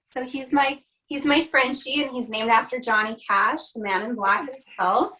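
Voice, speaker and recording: A young woman from Canada talks as a guest in a relaxed video-call interview. She is chatty and upbeat, laughing easily between thoughts. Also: on the high side, normal speed, low-quality recording. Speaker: country singer, interview guest.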